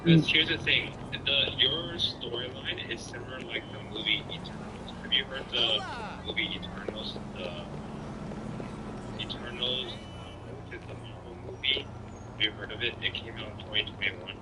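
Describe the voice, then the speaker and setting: A man's voice: medium pitch, moderate pace, background noise. A man talking in a casual chat, hesitant and full of fillers and restarts. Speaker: co-director of the roleplay.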